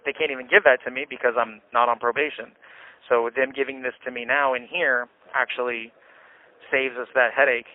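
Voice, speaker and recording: Speaking a little fast in a steady, mid-range voice, this American man calls from jail and casually vents, insisting on explaining himself. It's captured through a phone handset, so the line sounds thin and tinny.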